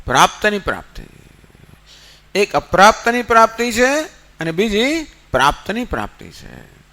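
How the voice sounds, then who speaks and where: A man's voice: sits high, wildly swooping pitch, pushed and bright. A man giving a spiritual discourse, telling a story and asking and answering his own questions. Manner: storytelling with rhetorical questions, counts slowly. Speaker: spiritual teacher. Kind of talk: Gita discourse.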